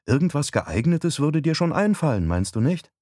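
A man putting on a soft coaxing young wife. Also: very animated, moderate pace, dry recording, studio quality. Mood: persuasive. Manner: gentle, coaxing, lifts pitch for the wife. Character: young married woman, calm and persuasive. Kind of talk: audiobook dialogue.

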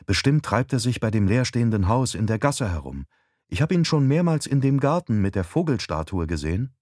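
A man voicing a calm, persuasive young wife in an audiobook, raising his pitch and speaking gently. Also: a little fast, no echo, clean studio sound. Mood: coaxing. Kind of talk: audiobook dialogue.

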